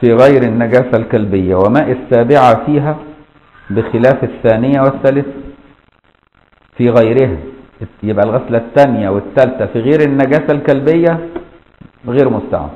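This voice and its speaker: A man's voice: mid-range voice, quick pace, long pauses. A man with an Egyptian Arabic accent teaching a colloquial classroom lesson, explaining step by step and often checking that listeners follow. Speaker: Islamic jurisprudence teacher. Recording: echoey, dull lo-fi room recording.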